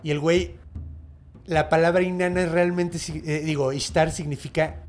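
A man with a Mexican accent retelling an old myth in slangy, animated casual chat as a podcast host. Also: fairly high pitch, normal speed. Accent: Mexican Spanish.

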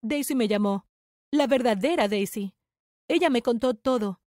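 Woman doing a young guy, lowered voice, curt and cold, story reading. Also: normal speed, a little mellow, no room sound, studio quality, lightly acted. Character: cold young man ending a romance.

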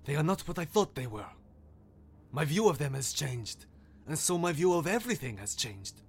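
A man's voice: a little high, sing-song, moderate pace, darkish tone, breathy edge, voice pushed up, heavily acted. Brave, loyal lion, thoughtful and hesitant, played by a man in his own voice. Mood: reflective.

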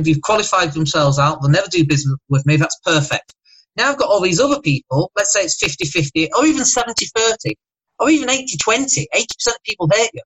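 A man's voice: high voice, bright, forceful tone, breathy edge, poor audio. A man with a Northern English accent and a slight lisp, talking emphatically and motivationally as a podcast guest. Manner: emphatic, motivational, rapid asides. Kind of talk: casual podcast chat.

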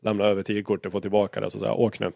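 A man's voice: fairly low pitch, gravelly, no room sound, studio quality. A man, a rally co-driver, telling stories casually in an interview, swearing freely and acting out old quarrels. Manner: lively storyteller, swears freely, acts out quarrels.

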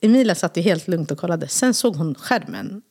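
A woman co-hosting a podcast, chatting casually and telling an animated story, acting out the people in it. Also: on the low side, vocal fry, slightly rough. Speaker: podcast co-host. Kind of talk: casual chat.

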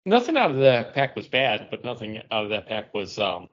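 Huge pitch swings mark the medium-pitched voice of a man hosting a casual, chatty podcast at a moderate pace. It's recorded in dull lo-fi sound.

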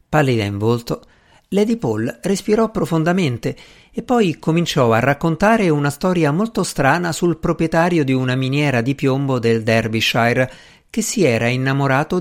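A man reading an audiobook with an expressive, measured delivery. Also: medium pitch. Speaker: audiobook reader. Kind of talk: audiobook narration.

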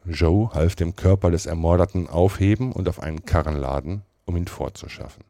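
A man reading a classic novel aloud in a measured, expressive storytelling manner. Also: sits low, no echo, studio quality. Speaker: storybook reader.

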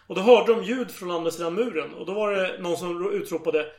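A man retells a story in casual chat, animated and eager to act out each quoted line. His voice sits high. The recording has a noticeable room echo.

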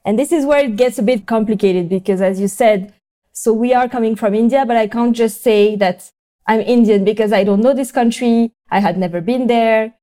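A young adult woman from France appears as a podcast guest in a conversational interview, recounting her story. Her voice is on the high side and mellow at a normal speed, and she speaks hesitantly and thoughtfully, with many fillers and restarts.

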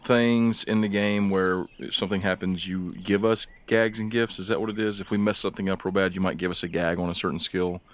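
A man's voice: sits low, steady tone, brisk, hardly any pauses. A man talking casually as a player in a tabletop role-playing game. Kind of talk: casual chat.

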